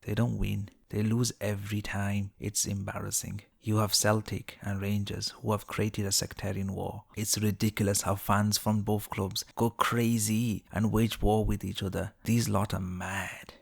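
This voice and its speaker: A man's voice: lowish voice, level tone, a little slow, creaky, few pauses, slightly rough. A man narrating a scripted list video in a mocking, sarcastic manner.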